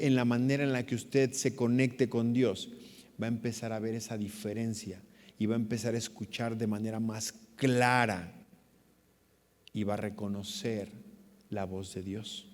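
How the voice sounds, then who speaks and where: A man's voice: mid-range voice, little pitch movement, moderate pace, darkish tone. A male preacher delivers a dramatic sermon in a church, raising his voice to act out a blind man's cries. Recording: long hall reverb.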